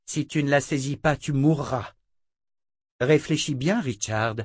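A man's voice: mid-range voice, unhurried, no echo, studio quality, pitched above the performer's own voice, lightly acted. A man voicing a stern sister, raised voice. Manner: cold, commanding. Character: stern older woman, a magic-wielding sister.

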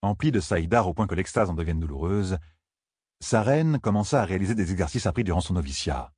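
A man reading a fantasy novel aloud, in an expressive storytelling manner. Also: deep voice, quick pace, breathy edge, no room sound, studio quality. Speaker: audiobook narrator. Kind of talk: scripted narration.

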